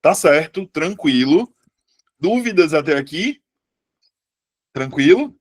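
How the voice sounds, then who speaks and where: A man teaching a live online Portuguese lesson, chatty and lively, often putting questions to his students. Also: a little high, slow, no echo, clean studio sound.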